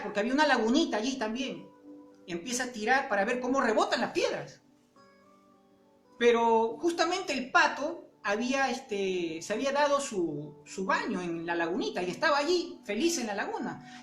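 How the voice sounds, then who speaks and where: A woman's voice: high voice, a bit bright. Woman preaching, echoey room. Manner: conversational, many fillers and pauses. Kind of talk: sermon with storytelling.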